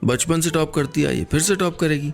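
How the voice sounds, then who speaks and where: A man voicing a gentle, emotional young married woman in a radio story, speaking softly and with feeling. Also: fairly high pitch, a little fast, gravelly, soft background music, voice pushed up.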